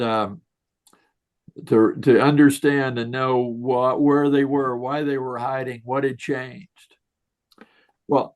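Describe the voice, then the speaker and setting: A man's voice: mid-range voice, darkish tone. A man giving a folksy, storytelling leadership talk to an online group, chuckling and asking rhetorical questions. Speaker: leadership speaker. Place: online video session.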